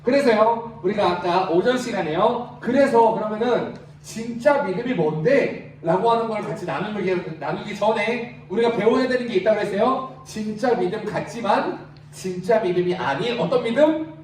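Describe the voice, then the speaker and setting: A man with a high voice preaches to a youth group, pausing to ask questions and draw the room into answering. He is picked up from a distance in a large, very echoey retreat hall. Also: slight background noise. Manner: asks the crowd questions and leads them in reading aloud. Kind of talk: interactive sermon. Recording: very echoey hall, mic far off.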